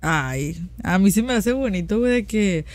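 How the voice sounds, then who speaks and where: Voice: medium pitch, expressive, normal speed, no echo. A podcast co-host with a northern Mexican accent, trading slangy, playful banter in casual chat.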